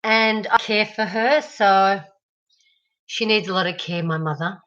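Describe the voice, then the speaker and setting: A woman's voice: medium pitch, unhurried, a bit bright, dull audio. A middle-aged Australian woman chatting casually with viewers on a live stream, greeting them by name.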